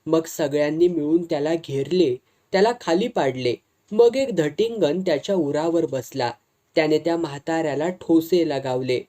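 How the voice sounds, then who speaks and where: A man narrating a humorous village folk story in a lively, colloquial storytelling manner. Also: fairly high pitch, moderate pace.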